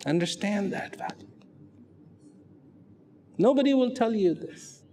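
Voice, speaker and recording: A man giving a dramatic motivational narration, slow and emphatic, asking rhetorical questions and sometimes dropping to a near whisper. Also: high voice, animated, warm tone, slight background noise.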